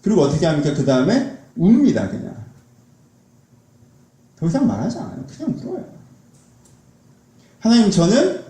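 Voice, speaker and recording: A man's voice: a little high, wildly swooping pitch, a little fast, long pauses, mellow. A man preaching a sermon as a pastor, speaking conversationally and asking his congregation questions. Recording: echoey church hall.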